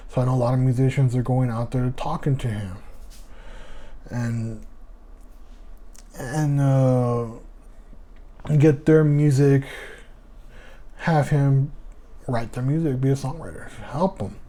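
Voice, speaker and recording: Mellow-voiced man with a lisp. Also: mid-range voice, slow pace, long pauses. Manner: rambling, stumbles over foreign names, says "y'all" to listeners. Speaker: podcast host. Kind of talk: casual solo music podcast chat.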